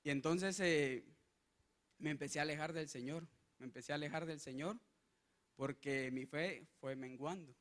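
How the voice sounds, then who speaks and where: A young Guatemalan man giving an earnest testimony sermon, halting often with restarts and fillers. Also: fairly high pitch, fairly bright tone. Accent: Guatemalan Spanish. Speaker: lay preacher.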